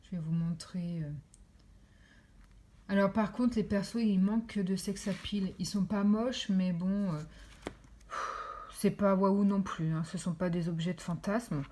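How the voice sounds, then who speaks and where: A woman's voice: medium pitch, steady tone, a little slow, pauses often, mellow. A woman reviewing books in a casual vlog, chatty and full of fillers as she shows pages to the camera. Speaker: book reviewer.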